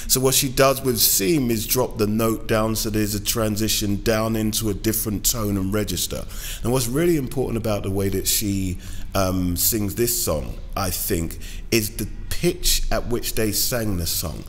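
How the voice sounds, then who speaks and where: A British man coaching singing, breaking down a performance line by line in a measured way, with frequent pauses and short sung examples. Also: on the low side. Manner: measured, many "um"s, sings short demo phrases. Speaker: vocal coach. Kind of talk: singing lesson analysis.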